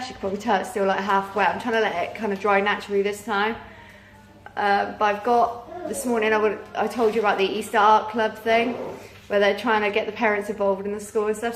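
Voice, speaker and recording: This British vlogger and mother in her thirties has a mid-range, slightly bright voice. She rambles informally to camera, tired and hoarse from a sore throat, and the recording has a roomy echo with clearly audible background noise.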